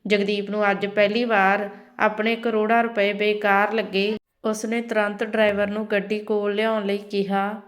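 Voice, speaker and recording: A woman narrating a scripted family story in an even, measured reading. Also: medium pitch.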